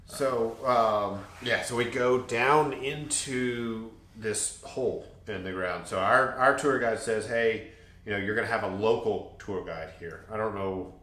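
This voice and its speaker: A man's voice: lowish voice, unhurried, a bit bright, reverberant. A man co-hosting a podcast, telling travel stories in a rambling, jokey way and laughing often. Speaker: podcast co-host. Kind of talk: casual travel storytelling.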